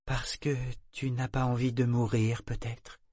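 A man voicing a young woman sailor disguised as a boy in a storybook reading; he keeps her quiet, steady and earnest. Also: mid-range voice, slow, breathy edge, dry recording, clean studio sound. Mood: grave. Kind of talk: audiobook character reading.

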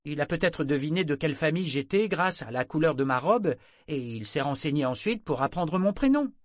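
A man's voice: animated, a little fast, no room sound, clean studio sound, close to an everyday voice. Man playing a sulky, defiant teenage girl. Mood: indignant. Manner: sulky, petulant, shrill when upset.

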